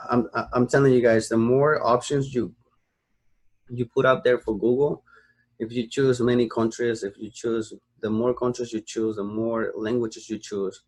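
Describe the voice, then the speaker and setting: Recorded with poor audio quality, a young American man with a lowish voice narrates a screen-recorded tutorial on online marketing. He sounds sleepy, meanders through fillers and restarts, and asks "okay?" along the way.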